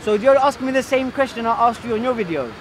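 A young man from Bangladesh defending his view in a heated outdoor debate, talking fast with stumbling restarts. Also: very high-pitched, animated. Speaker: debate participant. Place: outdoor park by a kiosk, city crowd. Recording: outdoor crowd noise. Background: crowd chatter.

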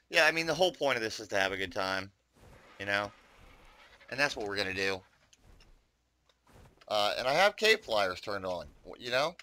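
Bright, chatty gamer guy. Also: fairly low pitch. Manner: chatty, rambling, swears, talks to viewers. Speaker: gaming YouTuber. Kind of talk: casual gameplay commentary.

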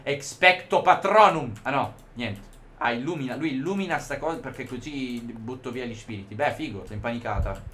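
A man's voice: mid-range voice, brisk, a little hiss or hum. A young man doing a horror game let's play, swearing and jumping between panic and mocking banter. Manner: excitable, swears, swings from panic to mockery. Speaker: gaming YouTuber.

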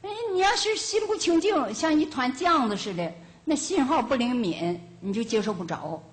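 A woman's voice: sits high, moderate pace. Older woman telling homespun Buddhist anecdotes. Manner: lively, homespun anecdotes with chuckles. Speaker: Buddhist lay teacher. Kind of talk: storytelling dharma talk. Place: lecture hall of a Buddhist centre.

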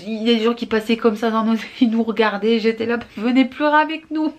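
Brief: young female vlogger, animated chatty storytelling, slangy, fairly high voice, recorded on camera mic. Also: fast. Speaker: YouTuber. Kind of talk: casual storytime vlog.

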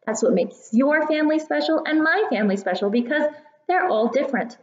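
A woman in her thirties, a kindergarten teacher reading aloud and explaining to young children in a simple, deliberate, encouraging way, as if to a toddler. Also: high-pitched, expressive, reverberant, highs cut off. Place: classroom, indoors.

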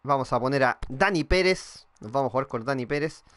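Fairly quick and expressive, the medium-pitched voice of a young Chilean gaming streamer carries his accent through live football gameplay. He reads viewer messages aloud, thinks out loud, and swears in relaxed banter.

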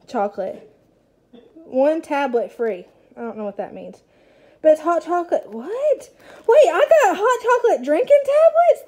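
A young woman chatting excitedly as she unpacks groceries at home, with self-mocking asides and bursts of delight. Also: high-pitched. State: out of breath. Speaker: stay-at-home mom vlogger. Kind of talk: casual grocery haul chat. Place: home kitchen. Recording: rustling bags and clicks behind.

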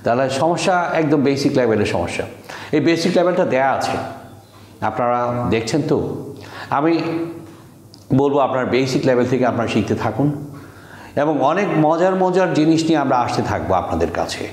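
A man from Bangladesh teaching an online language lesson, repeating words slowly and deliberately to show how they sound. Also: mid-range voice, animated, a little mellow, reverberant.

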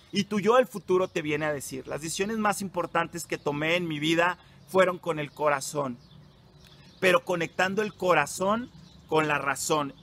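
A man's voice: high voice, sharp tone. A young Mexican man, a psychologist, giving an emphatic motivational talk to teenagers and putting direct questions to them. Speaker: psychologist and workshop leader.

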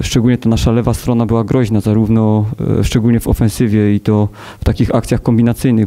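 A man in his thirties, a football coach, talking at a post-match press conference in a measured, hesitant way with many fillers, into a table mic. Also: fairly low pitch, warm tone. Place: press conference room with sponsor wall.

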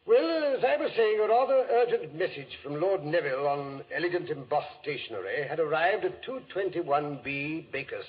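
An actor playing a genial elderly English doctor, a wordy storyteller in a 1940s radio drama. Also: male voice, fairly high pitch, lightly acted. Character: elderly English doctor reminiscing genially, Holmes's old companion. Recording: muffled, hissy 1940s radio recording.

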